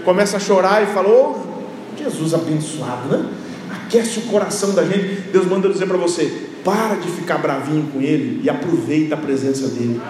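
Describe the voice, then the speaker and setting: A man preaching a lively sermon, often shouting and acting out biblical scenes with humor. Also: high-pitched. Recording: echoey hall, faint background noise.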